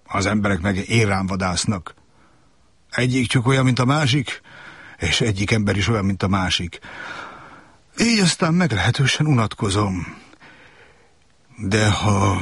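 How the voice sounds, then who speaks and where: A man voicing a wise, wistful and lonely fox in a storybook reading, with a gentle, pleading tone. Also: lowish voice, breathy edge, dry recording.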